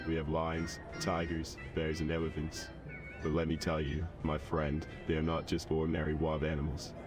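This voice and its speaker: A man's voice: rumbling low, completely flat delivery, normal speed, over music. A man voicing a boastful, courteous circus lion tamer in a video game, speaking in a florid, polite, pompous way. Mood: polite, proud. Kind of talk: game character dialogue.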